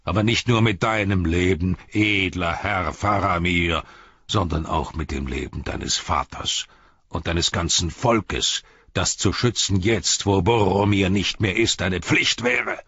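Man reading as a scornful aging ruler, very deep husky voice, accusing tone, audiobook, dull dry recording. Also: a little slow, fairly bright tone, no echo, exaggerated voice. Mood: bitter. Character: bitter aging ruler, proud and scornful father.

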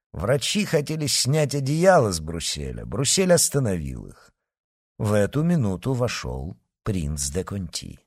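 A man reading a novel aloud as narrator, in an expressive way. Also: on the low side, slightly rough, no room sound, clean studio sound. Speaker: audiobook narrator. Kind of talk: scripted narration.

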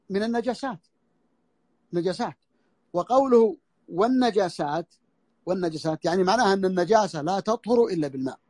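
A scholar teaches a classical text in an audio lesson, his voice set high for a man. He repeats key phrases and restarts sentences as he works through each point. The sound is dry and close, with no room around it. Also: a little mellow, no room sound. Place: audio lesson over a social media voice room.

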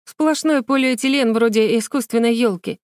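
Cheeky little storybook girl, mocking and quick to argue, woman putting her on, dry close sound. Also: fairly high pitch, no echo, pitched above the performer's own voice, close to an everyday voice. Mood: teasing. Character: bold, teasing young girl.

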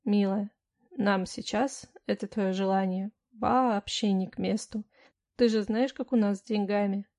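A woman's voice: mid-range voice, steady tone, darkish tone, close to an everyday voice. A woman reading an audiobook, voicing a tired, exasperated young husband who speaks wearily and firmly. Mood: weary. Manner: weary, patient, firm, spoken through pauses. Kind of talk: first-person audiobook narration with dialogue.

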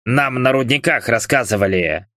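A man doing a gruff burly labourer. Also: mid-range voice, animated, moderate pace, fairly bright tone, no room sound, studio quality, close to an everyday voice. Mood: grumbling. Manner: gruff, muttering. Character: burly sullen male labourer, hurt.

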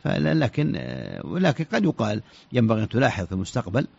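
Heard on a dull lo-fi radio recording, this man is an Islamic scholar taking listener questions, often stopping and restarting his words and repeating syllables. His mid-range voice is gravelly, a little mellow and slightly rough, swinging hugely in pitch, and the sound is dry.

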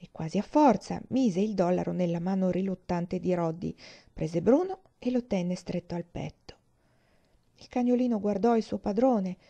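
Audiobook reader, woman; calm, even narration with a dark, relaxed tone. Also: lowish voice, moderate pace, vocal fry, lo-fi sound. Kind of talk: scripted narration of a novel.

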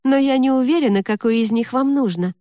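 A woman's voice: sits high, brisk, dark tone, no echo, studio quality, voice pushed up, natural voice. A woman voicing a guarded, impulsive teenage girl in an audiobook, speaking warily and hesitantly. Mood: wary. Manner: wary, hesitant speech.

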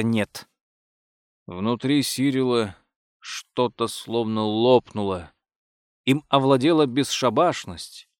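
A man narrating a comic novel in a measured, wry storytelling manner. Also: mid-range voice, dry recording, clean studio sound. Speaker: audiobook narrator. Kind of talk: scripted narration.

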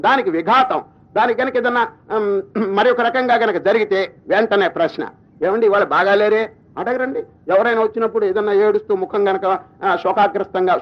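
Teacher, man, spiritual discourse; chants verses slowly, questions the audience; muffled recording. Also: high-pitched. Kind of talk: religious discourse. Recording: dull lo-fi recording.

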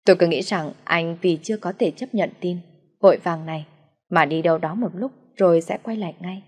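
A woman narrating a first-person story in a sad, steady reading voice. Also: on the low side, brisk, husky, big-room sound.

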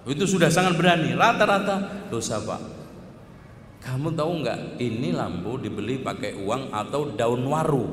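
Male preacher, animated lecture voice, echoey hall recording with faint room noise. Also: mid-range voice. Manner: lively, acts out teacher and pupil dialogue. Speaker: Islamic teacher. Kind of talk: religious lecture on child education.

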